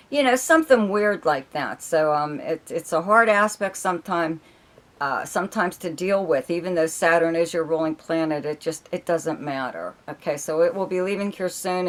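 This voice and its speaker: A woman reading a monthly horoscope forecast as an astrologer, rambling with many fillers and checking in with "okay?", her voice going hoarse. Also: low voice. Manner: rambling, filler-heavy, keeps adding "okay?". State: losing her voice.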